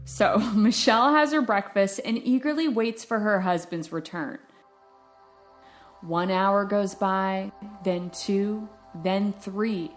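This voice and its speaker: A woman's voice: medium pitch, slow pace, soft background music. A woman hosting a true-crime review podcast, retelling the story with playful, sarcastic asides. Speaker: podcast host.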